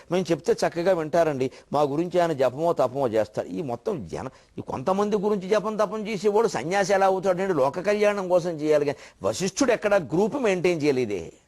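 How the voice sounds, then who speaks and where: A man's voice: sits high, darkish tone. Indignant older man preaching. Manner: indignant, scolding, rhetorical questions; chants verse slowly. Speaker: spiritual orator. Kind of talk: Telugu religious discourse.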